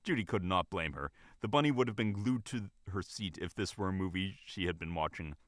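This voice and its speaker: A man reading a fan story aloud, expressive and correcting his slips as he goes. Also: low-pitched, brisk, no room sound, clean studio sound. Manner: expressive with frequent self-corrections. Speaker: story reader.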